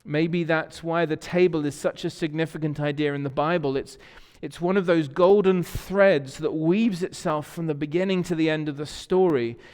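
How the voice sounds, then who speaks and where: Steady in tone and a little high, this pastor speaks at normal speed with hardly any pauses during a warm, conversational sermon. Recorded with reverb in a church sanctuary, he tells stories and often repeats words while searching for the next.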